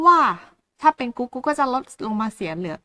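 High-voiced woman teaching a language lesson. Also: very animated, sharp tone. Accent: Southern Thai, Phuket. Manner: patient, repeats words slowly for learners. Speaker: language teacher and channel host.

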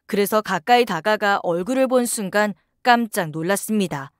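A woman in her thirties narrating a dramatized true story, calm and conversational. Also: mid-range voice, moderate pace, no room sound, studio quality. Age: 30s.

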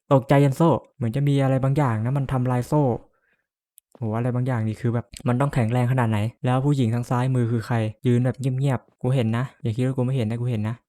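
A man's voice: mid-range voice, mellow. A man playing a horror game and commenting as he goes, jumpy, cursing and laughing nervously. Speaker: gamer.

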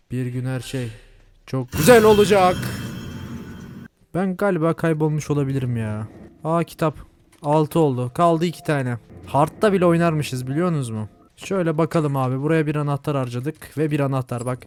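A young man with a Turkish accent giving chatty, jumpy commentary while playing a horror game, yelling at scares. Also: on the high side. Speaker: gaming channel host.

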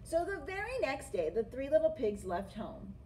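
Middle-aged woman, children's storyteller, high and very animated, camera audio with clear room noise. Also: moderate pace. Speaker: storyteller, teacher. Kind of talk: expressive children's picture-book reading. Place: small classroom, indoors.

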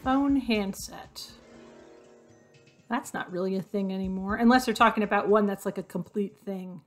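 A young adult woman casually commenting while she plays a hidden-object game, thinking aloud and joking at her own expense, her voice slightly hoarse and fading. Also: mid-range voice. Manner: chatty, self-deprecating, thinks aloud while searching. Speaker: gaming video host. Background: faint game music.

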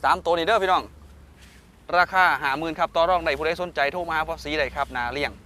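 A man with an Isan accent sells live to his viewers in a fast, hyped patter. His voice is bright and forceful, and he keeps calling out to the audience and checking for agreement. There is some background noise from an outdoor location. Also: fairly high pitch, fairly even intonation. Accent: northeastern Thai (Isan). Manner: repeatedly addresses viewers and prompts for agreement. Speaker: host of cattle-sale videos.

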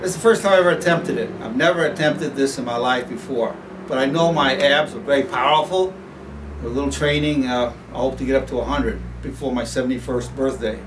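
A man in his seventies talking to camera in a small home gym, rambling and halting with many pauses and fillers. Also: medium pitch, far from the mic, background noise. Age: 70s. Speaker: fitness vlogger promoting his product. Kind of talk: casual talk to camera.

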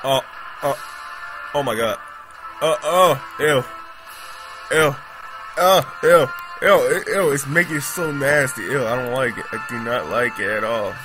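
A man casually commenting on his own game as he plays, excitable and prone to repeating himself. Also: mid-range voice, unhurried, pauses often, over music, rough recording. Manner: excitable, repeats pleading words, laughs often. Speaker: gamer recording gameplay commentary. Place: at home on a laptop.

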